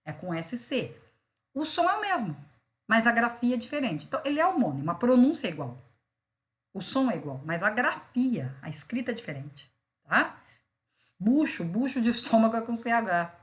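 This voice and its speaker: A woman's voice: on the high side, very animated, moderate pace. A Brazilian woman lecturing, explaining word meanings through examples and checking in with "né" and "tá". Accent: Brazilian Portuguese. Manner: explains with examples, many fillers like "né" and "tá". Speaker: law school teacher. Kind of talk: online lecture on vocabulary.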